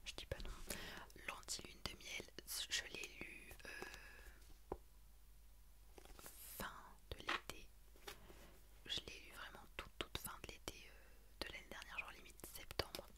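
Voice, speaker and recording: A young adult woman talks about books in a hushed, breathy library-style ASMR whisper, pausing hesitantly as she goes. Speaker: ASMR creator. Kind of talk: whispered ASMR book chat.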